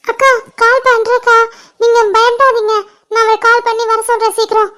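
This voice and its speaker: A woman's voice: very high voice, level tone, sharp tone. A woman doing a worried, soothing young girl. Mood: anxious soothing. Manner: soothing, hurried reassurance. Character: anxious caring younger girl, comforting her sister. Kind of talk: cartoon voice acting.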